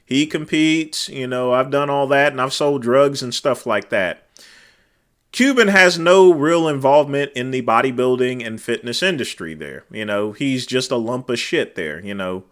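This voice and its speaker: Chatting with his audience and replying to their comments, a livestream host talks into a desk mic at normal speed and medium pitch. His voice is naturally loud, bright and forceful, cutting right through. Fillers pad his rambling, and the ends of his phrases fade to a mutter.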